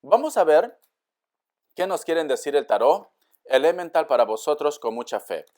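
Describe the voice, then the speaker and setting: A man giving a tarot reading to camera in a warm, coaxing way, often calling the listener dear and acting out their doubts. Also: fairly high pitch, very animated, normal speed. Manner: acts out the listener's doubts in quotes. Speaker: tarot reader.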